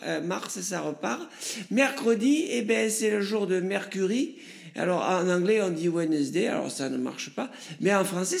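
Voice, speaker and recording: A man putting on a deliberately silly voice as a know-it-all comic character explaining the days of the week. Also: sits high, vocal fry. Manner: silly voice, loud bright explaining. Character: goofy know-it-all male superhero character. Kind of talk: comic sketch monologue.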